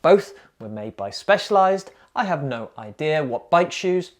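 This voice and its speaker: A man reads a scripted cycling review with deadpan, self-mocking humour. His pitch swings up and down a lot, so the jokes land with plenty of lift. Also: a little slow. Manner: dry self-mocking wordplay. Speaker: cycling vlogger. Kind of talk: scripted comic review narration.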